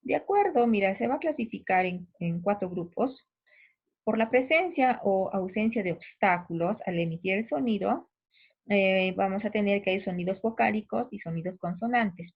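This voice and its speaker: A woman's voice: medium pitch, slightly rough. A woman teacher giving a recorded lesson, patiently demonstrating sounds aloud and checking that the listener follows. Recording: tinny phone-like recording.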